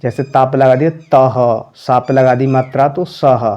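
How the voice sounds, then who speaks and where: A man teaching a beginner class, sounding out each letter slowly and patiently. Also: medium pitch, steady tone, muffled recording. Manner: slow, drawn-out sounding of letters.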